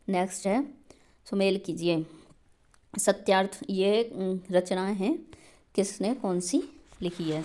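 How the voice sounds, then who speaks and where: A woman's voice: mid-range voice, warm tone. A woman teaching an exam prep grammar lesson, explaining patiently step by step and checking in often.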